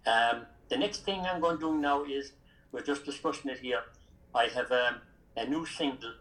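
A man's voice: mid-range voice, normal speed, fairly bright tone, low-quality recording. An older man with an Irish accent chatting casually as a guest, rambling and repeating his phrases over and over. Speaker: podcast guest. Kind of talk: casual chat.

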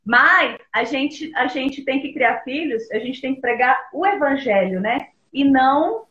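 A woman's voice: high voice, lively intonation, unhurried, a bit bright, reverberant, lo-fi sound. A woman, a missionary mother, speaking earnestly about faith in a casual video call interview, with hesitant restarts.

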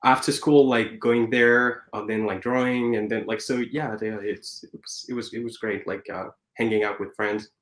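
Hesitant French-accented man, low voice. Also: steady tone, moderate pace, few pauses, echoey room. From France. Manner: hesitant, many fillers and restarts. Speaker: guest animator. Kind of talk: casual interview chat.

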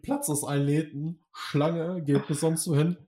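Laid-back young man, slightly high voice. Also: fairly even intonation, unhurried, warm tone. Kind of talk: casual chat.

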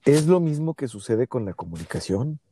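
A man's voice: mid-range voice, sing-song, moderate pace, dark tone, slight background noise. A man with a Mexican accent co-hosting a casual podcast chat, reflective and fond of rhetorical questions. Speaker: podcast co-host.

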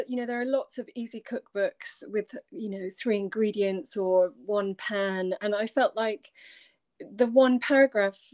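A woman's voice: fairly high pitch, darkish tone, no room sound. A woman guest chatting informally and a little hesitantly in an interview, recorded in a shed. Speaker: podcast guest, journalist and cookbook author. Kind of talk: casual interview chat.

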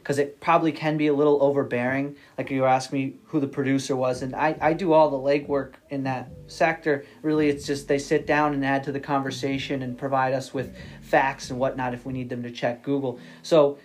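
A man's voice: mid-range voice, flat delivery, a little fast. A man guesting on a podcast, talking in a rambling, casual way, full of restarts, repeated words and frequent "you know what I mean" tags. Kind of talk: casual interview chat.

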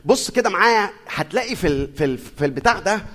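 A middle-aged man with an Egyptian accent preaching a sermon in a lively, conversational way, putting questions to his audience. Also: high voice, fast. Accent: Egyptian Arabic.

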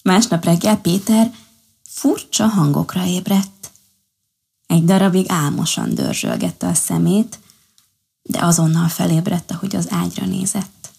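Woman with a gravelly storytelling voice. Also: on the low side, big pitch swings, a little mellow. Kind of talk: children's story reading.

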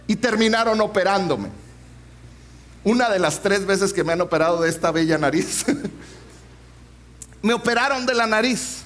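Man preacher, 40s, very high voice, humorous storyteller. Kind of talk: sermon with personal story.

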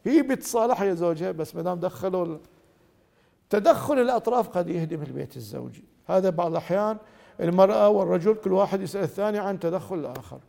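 A man's voice: high voice, very fast, vocal fry, in a large hall. A man with a Gulf Arabic accent giving a religious lecture on marriage, acting out quoted husbands and wives as he goes. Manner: acts out quoted spouses in lively dialogue.

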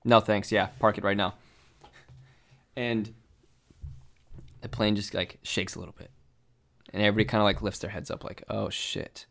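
Young guy ranting a story, lowish voice, lots of likes and swearing. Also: normal speed, pauses often. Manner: animated, lots of filler and swearing. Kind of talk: casual storytelling chat.

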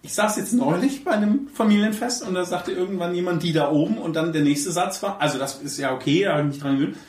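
Animated, fairly high-voiced man in an echoey room. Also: fast, far from the mic. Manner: animated, emphatic, with blunt colloquial remarks. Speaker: podcast host. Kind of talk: casual podcast conversation. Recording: echoey room, set back from the mic.

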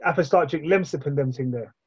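Casting: male host, London roadman accent, higher husky voice, slangy chat, slightly lo-fi recording. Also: very fast. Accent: London roadman, multicultural urban slang. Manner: slangy, asks the others questions. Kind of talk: casual group chat.

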